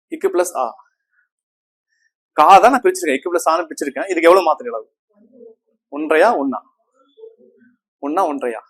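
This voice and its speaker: A man with a somewhat high voice teaches grammar to a classroom of students. He repeats each term and keeps checking whether the class is following. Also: a bit bright, slightly rough. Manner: asks the class frequent checking questions; repeats terms and counts on fingers.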